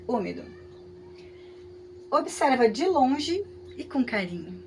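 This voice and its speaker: A woman with a Brazilian Portuguese accent teaching a class, talking in a lively, conversational way with frequent tag questions. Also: high voice, slow, slight background noise. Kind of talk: lecture with hypothetical examples.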